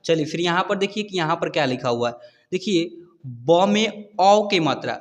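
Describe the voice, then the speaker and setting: A man teaching a reading lesson, slowly sounding out words letter by letter and checking in with his students often. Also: high-pitched, animated, in a large hall. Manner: spells words out letter by letter, repeating "ठीक है". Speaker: Hindi teacher. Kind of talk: slow syllable-by-syllable reading lesson.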